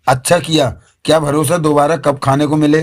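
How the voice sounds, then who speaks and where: Guy doing a cheeky jumpy servant, voice pitched way up, mocking. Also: level tone, a little fast, lightly acted. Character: jumpy, cheeky grown man, a jinn's servant.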